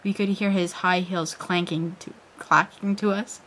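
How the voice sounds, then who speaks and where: Female reader, lower-pitched, mock-serious and theatrical, for amateur dramatic fiction. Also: fairly even intonation, measured pace, fairly bright tone. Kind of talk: dramatic reading of fan fiction.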